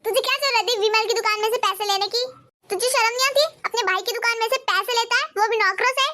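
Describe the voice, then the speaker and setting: Lady doing a bossy cartoon mother-in-law, high quick voice, always berating. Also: bright, forceful tone. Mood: scolding. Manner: scornful, berating. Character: harsh scolding mother-in-law, middle-aged. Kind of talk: animated cartoon voice acting.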